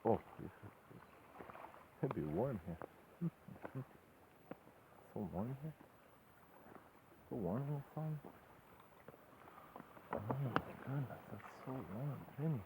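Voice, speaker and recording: A man's voice: mid-range voice, expressive, takes it slowly, long pauses, very noisy. A man vlogging on a rocky lakeshore hike, talking in a sing-song, playful way to his dog. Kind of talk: playful outdoor vlog narration. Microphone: phone camera.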